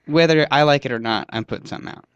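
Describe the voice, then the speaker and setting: A man's voice: on the high side, very fast, clean tone, no room sound, highs cut off. A young man, a comedian, chatting as a guest in a radio interview, rambling and self-mocking and often trailing off.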